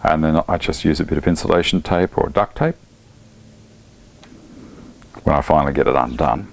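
A man's voice: very deep voice, normal speed, gravelly. Laid-back Australian man in his workshop. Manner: chatty, relaxed, with laughs and Aussie slang. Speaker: woodworking channel host. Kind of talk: casual workshop demonstration. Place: home woodworking workshop indoors. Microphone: lapel mic.

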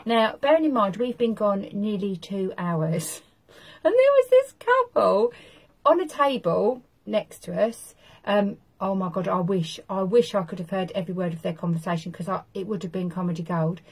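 A woman's voice: mid-range voice, steady tone, normal speed, a little mellow, husky, rough recording. A woman vlogging, telling a funny story in a chatty, gossipy way with cheerful swearing. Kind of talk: casual storytelling to camera.

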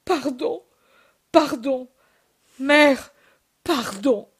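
Sobbing young man, read by a woman, pleading, remorseful, higher voice, unhurried. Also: steady tone. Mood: anguished. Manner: pleading, broken by sobs.

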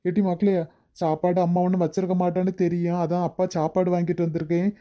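In a cartoon, a voice actor plays a rough but remorseful village father who begs his wife to forgive him, sounding quick, guilty, pleading and coaxing. The voice is medium-pitched with little pitch movement, close to an everyday voice, and the sound is lo-fi.

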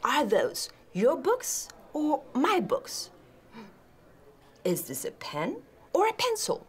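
A woman's voice: medium pitch, husky. A woman presenting a TV English lesson, playfully drilling either-or questions. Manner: playful, drawn-out teaching drills. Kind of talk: bilingual TV language lesson.

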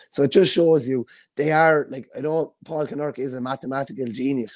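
Young irish guy nerding out on hurling numbers, dry close sound, normal pitch. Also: darkish tone, dry recording. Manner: enthusiastic, stat-driven. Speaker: hurling analyst. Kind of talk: casual sports analysis.

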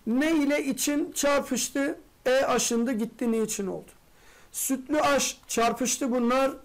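A high-pitched teacher leads a grammar lesson for exam prep. They pose quick rhetorical questions, supply the answers, and speak to the class familiarly as friends.

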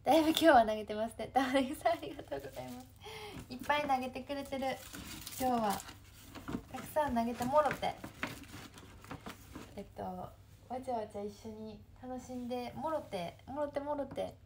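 A woman's voice: high voice, fairly quick, pauses often, background noise. A young woman in her twenties with a Kansai accent, chatting casually on her livestream, reading viewer comments and answering them with frequent laughs. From Kansai, Japan. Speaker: livestream host.

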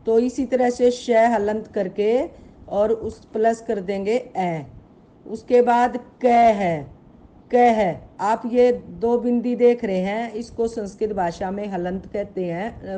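A woman from Haryana, India, teaches Sanskrit in an online grammar lesson, speaking slowly in a mellow, medium-pitched voice. She patiently spells out sounds, asks her pupils questions, and calls them beta.

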